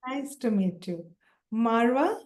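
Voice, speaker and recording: A woman's voice: fairly high pitch, lively intonation, slow, darkish tone. A woman facilitating an online leadership workshop, calling out participants' names and introducing the session. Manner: friendly, calls out names one by one. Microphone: video call.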